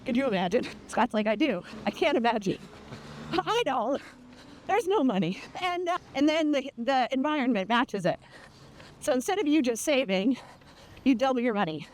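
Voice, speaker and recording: A woman chatting casually and candidly while running in the heat, playful and quick to swear. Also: high voice, sing-song, a little hiss or hum.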